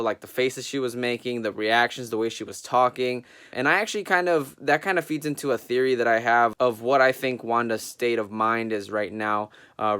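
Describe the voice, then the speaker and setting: A man hosts a casual solo review, gushing with enthusiasm and often stopping on ums and uhs. His voice is smooth and clear, sitting at an ordinary male pitch. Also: fairly bright tone. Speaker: TV review host.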